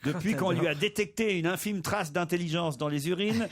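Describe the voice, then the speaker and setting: A man's voice: high voice, brisk. A man hosting a comic radio show, reading out joking introductions in a mocking way.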